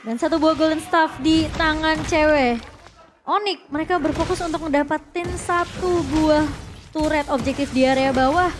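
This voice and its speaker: A woman's voice: sits high, normal speed, noisy background. A woman with an Indonesian accent giving live analysis as co-caster of an esports match. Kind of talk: live game analysis commentary.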